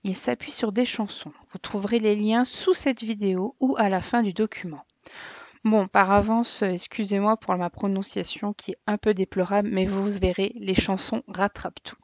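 A woman's voice: medium pitch, steady tone, moderate pace, darkish tone, no echo. A woman teacher giving a children's vocabulary lesson, saying each word and then translating it. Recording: dry, dull lo-fi recording.

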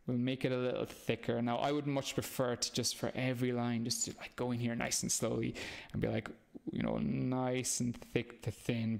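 An Irish comic artist in his thirties gives a chatty, encouraging live drawing lesson while sketching from a small, dim room at home. He has an Irish accent and a mid-range voice with vocal fry.

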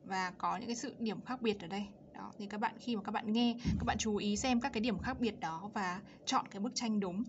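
A woman teacher explaining an English lesson for children, slowing down and stressing English words and their sounds. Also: medium pitch, highs cut off, a little hiss or hum.

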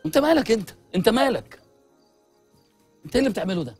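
A man's voice: fairly high pitch, expressive, breathy edge, faint music behind. An actor with an Egyptian accent playing an exasperated young man looking for a bride in a comedy series. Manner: exasperated, quick retorts.

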